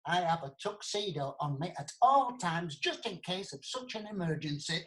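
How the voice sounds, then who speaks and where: A storyteller performs a comic pantomime tale theatrically, addressing the listener directly. His voice is a little high and fairly bright, though the audio is poor.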